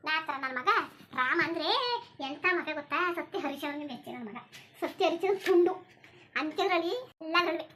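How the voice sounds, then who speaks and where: A woman voicing a bald, sharp-tongued old village grandmother in a cartoon, who scolds nonstop in rural Karnataka Kannada. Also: high-pitched, slight background noise. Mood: lamenting. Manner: scolding, rapid-fire, crude rural Kannada. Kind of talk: cartoon voice acting.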